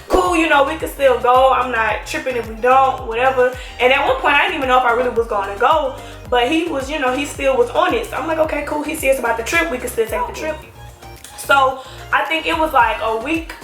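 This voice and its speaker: A woman's voice: on the high side, a bit bright, echoey room. A woman telling a personal story in a casual, sarcastic, slangy way.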